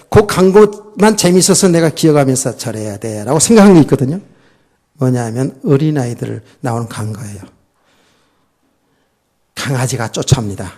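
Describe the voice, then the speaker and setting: A man's voice: a little high, warm tone. A middle-aged man preaching a sermon as pastor, often putting questions to the congregation.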